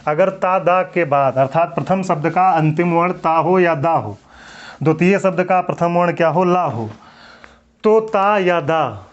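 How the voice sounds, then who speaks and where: Hindi teacher quizzing himself aloud. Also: male voice, fairly high pitch. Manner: asks questions and answers them himself, repeats answers; drawn-out repetition of words. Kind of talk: classroom lecture. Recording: dull lo-fi recording.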